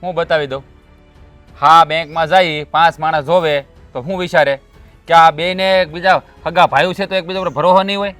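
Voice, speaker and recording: An actor playing a short-tempered, defensive elder brother and farmer, speaking with a Kathiawadi Gujarati accent. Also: male voice, fairly high pitch, steady tone, fairly bright tone, soft background music, close to an everyday voice. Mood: aggrieved. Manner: defensive and quick to snap. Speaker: elder brother in a land feud. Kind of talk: rural family drama acting.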